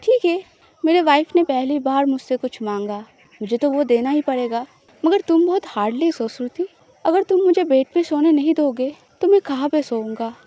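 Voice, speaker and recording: Teasing possessive young wife, woman reader's voice, high pitch, warm tone, audio story. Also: expressive, normal speed.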